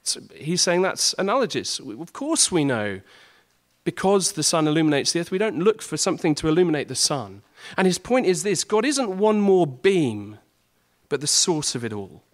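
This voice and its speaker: A young adult student presents a prepared talk to fellow students, earnestly building his case with rhetorical questions. His voice is on the high side with big pitch swings, at normal speed.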